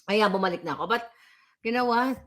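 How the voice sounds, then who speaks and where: A middle-aged political vlogger streams live from her home abroad, chatting with viewers and reading their comments aloud. She talks in fiery bursts that mix Tagalog and English, her medium-pitched voice brisk and a bit bright.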